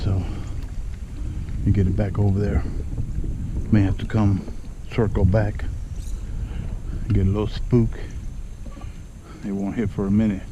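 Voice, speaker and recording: A fishing vlogger out on a kayak who narrates his catch with excited exclamations, talks to the fish, and drops in Spanish exclamations. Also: fairly low pitch, a little slow, long pauses, dull audio, noisy background. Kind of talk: excited commentary while fishing. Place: kayak on open water outdoors.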